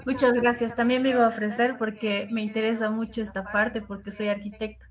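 A woman's voice: fairly high pitch, flat delivery, brisk. A woman student in an online class over a video call, repeating words carefully and hesitantly.

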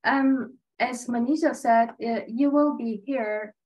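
On a video call, a Tajik woman gives an online panel presentation with slides, recounting her teaching exchange in an earnest, chatty manner full of fillers. She speaks slowly in a slightly high voice, and the sound is lo-fi.

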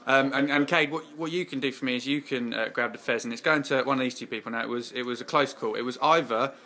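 A young English man hosts a jokey post-match interview for a club channel, teasing his guests and halting often with fillers. His medium-pitched voice is bright and forceful.

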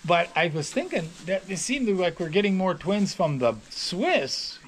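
A man's voice: high voice, big pitch swings, a little slow, slight background noise. A middle-aged man, a dairy farmer, telling stories in a casual, rambling way, with many restarts. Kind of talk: casual storytelling. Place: on a farm, near calves.

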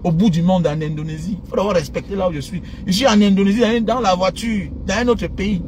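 Sitting in his car with a phone at arm's length, a man in his thirties delivers an impassioned, informal rant to followers, mocking and indignant. His voice sits high and he talks fast; his accent is Cameroonian French, his first language an African mother tongue, and road traffic fills the noisy interior.

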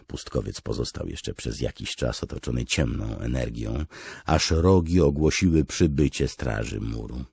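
Very deep gravelly male narrator. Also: a little mellow, dry recording. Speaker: audiobook narrator. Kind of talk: scripted fantasy narration.

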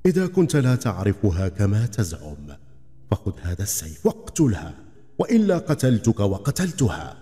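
A man's voice: fairly low pitch, huge pitch swings, normal speed, mellow. A man voicing an angry male ifrit in a storybook tale, commanding and threatening. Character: furious towering male ifrit, jealous and cruel. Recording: long reverb, faint background music.

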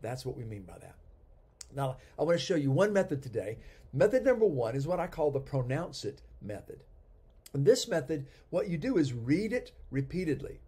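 Lively, husky-voiced man teaching a sermon. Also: on the high side, normal speed. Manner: animated teaching with emphatic repetition. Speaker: pastor.

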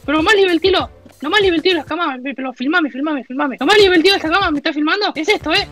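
Mujer haciendo una lata de tomate chillona y fanfarrona. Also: female voice, very high-pitched, very fast, fairly bright tone, faint music behind. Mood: boastful. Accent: Argentine Spanish. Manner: cheeky, boastful, self-pitying jokes, sudden yelps. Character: boastful lonely male talking tomato can, childish. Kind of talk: comic house-tour sketch.

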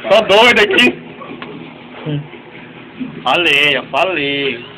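A young Brazilian man in a stuck elevator, loudly exclaiming and protesting. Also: a little high, animated, drawn-out words, a little hiss or hum, low-quality recording. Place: stuck mall elevator, small indoor space.

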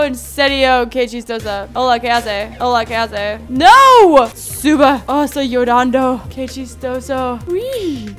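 Woman gamer, high voice, giggly and excitable, faint game music behind. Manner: excitable, giggly, exclaims a lot. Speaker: gaming YouTuber. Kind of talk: casual let's-play commentary.

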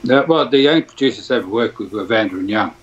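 A man's voice: on the low side, lively intonation, fast talker, husky. An older Australian man, a music producer, reminiscing in a rambling phone interview with many restarts. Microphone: phone line. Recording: dull lo-fi phone audio.

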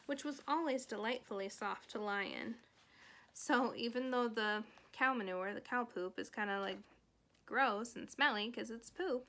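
A woman's voice: a little high, sharp tone. A woman teacher reading a children's book aloud, stopping for casual asides that explain words to young children.

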